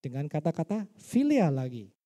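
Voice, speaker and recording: Dark-voiced man preaching. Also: a little high, big pitch swings, moderate pace. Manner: questioning, teaching delivery that acts out quoted dialogue. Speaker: pastor. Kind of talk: sermon. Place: church.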